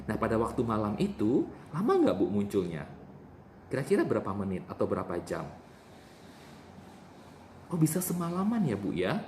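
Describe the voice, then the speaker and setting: A man's voice: on the low side, wildly swooping pitch, moderate pace, pauses often, a little mellow. A man playing a nurse in a role-play demonstration, patiently repeating the patient's answers back to her. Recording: echoey room with faint noise.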